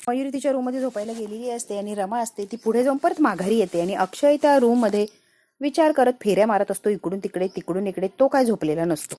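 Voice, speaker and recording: A woman narrating a casual recap of a TV serial episode, animated and repeating phrases for emphasis. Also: medium pitch.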